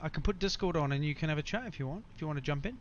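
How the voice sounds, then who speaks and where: A man with a fairly high voice chats casually to his livestream viewers while playing a flight game. He is matey and informal in his address. The sound is slightly dull, with faint noise behind him. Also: very fast. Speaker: live-streamer playing a flight simulator. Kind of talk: casual livestream chat and gameplay commentary.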